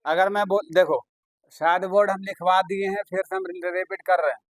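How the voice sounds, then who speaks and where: A man teaches an Urdu vocabulary class in a chatty, coaxing way, often praising his students. His voice sits fairly high for a man. The recording is dry and close, with no room echo. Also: fairly even intonation, normal speed. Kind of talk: classroom lesson.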